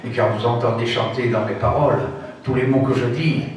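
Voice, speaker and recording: A man with a southern French accent, from Provence, reciting a poem on a festival stage in a declamatory manner, his pitch and loudness swinging widely. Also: steady tone, fairly quick, a little hiss or hum. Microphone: distant stage recording. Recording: very echoey, from far off.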